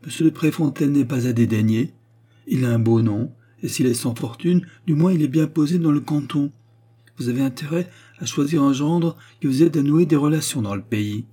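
A scheming middle-aged mother, played by a male reader, presses her case in a raised, mellow, husky voice. She is insinuating and insistent in this audiobook scene. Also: a little high, moderate pace, voice pushed up. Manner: insinuating, then stern. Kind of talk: audiobook character reading.

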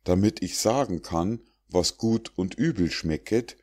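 A man's voice: low voice, unhurried, darkish tone. A man doing a haughty, scolding lord. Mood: imperious. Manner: imperious, scolding. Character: haughty quick-tempered nobleman, master of the house. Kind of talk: storybook fable reading.

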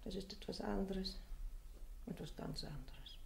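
An actress playing a steady, consoling eldest sister in a 1960s radio drama, speaking in a soothing, earnest way. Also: female voice, mid-range voice, unhurried, creaky, a little hiss or hum.

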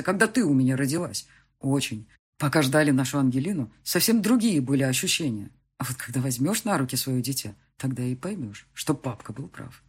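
Audiobook: caring, gruff older father, read by a woman, breathy tone, firm and pushy. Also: extremely low pitch, full character voice. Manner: soothing, then insistent and scolding.

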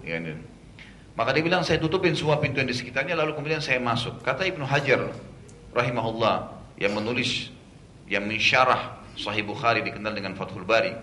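A male preacher with a bright, forceful voice tells a religious story as a lecture. He acts out the characters' lines and slips in casual conversational asides. The sound is roomy and echoey, with a faint rumble underneath. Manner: animated retelling, acting out the characters' lines. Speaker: Islamic preacher.

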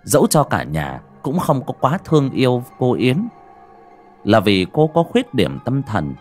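A man tells a horror story, his voice at an ordinary pitch but rising and falling with great liveliness. He narrates dramatically, with faint music playing underneath. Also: huge pitch swings, a little slow, darkish tone. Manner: dramatic storytelling with colloquial asides.

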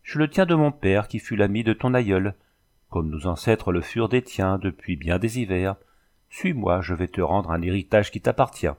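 A man reading the lines of a grave young chief, speaking in a measured, solemn way. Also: low voice, expressive, darkish tone.

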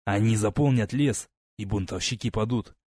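A man's voice: moderate pace, darkish tone, no room sound, studio quality, close to an everyday voice. A man doing a gloomy weary soldier. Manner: glum, low.

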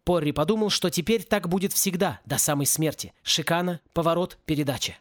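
A man's voice: fairly high pitch, fairly quick, dry recording. Male audiobook reader, dry and close. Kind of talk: audiobook narration.

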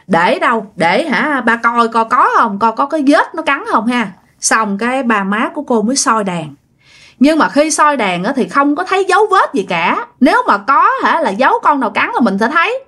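Woman storyteller, chatty ghost-story telling to listeners, fairly high and expressive voice. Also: normal speed. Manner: chatty, addresses listeners directly. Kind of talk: casual ghost story narration.

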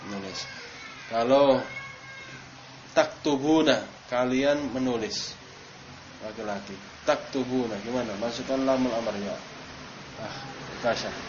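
A man's voice: mid-range voice, unhurried, pauses often. A man teaching Arabic grammar to a class, quizzing students by name and stressing drill words. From Indonesia. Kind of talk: classroom lesson. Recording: dull noisy classroom recording.

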